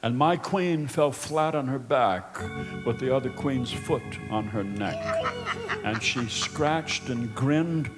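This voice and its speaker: A man's voice: medium pitch, slow pace. A man narrating a comic rhymed story as a storyteller. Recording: loud music underneath.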